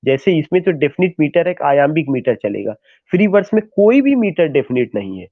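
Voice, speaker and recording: A man's voice: on the high side, very animated, a little fast, no room sound. A man teaching poetic metre as a lecturer, asking questions and answering them himself, with English terms mixed into his talk. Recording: dry, tinny phone-line sound.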